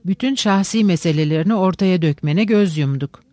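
Casting: reader doing a gruff, impatient old army colonel, grumbling, audiobook, dry. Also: mid-range voice, fairly quick, darkish tone, no room sound, natural voice. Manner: grumbling, then scolding. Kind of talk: audiobook reading.

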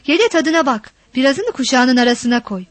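A woman voicing a harsh, violent village father who shouts, curses and threatens. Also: high-pitched, expressive, a little fast, no room sound. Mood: coaxing.

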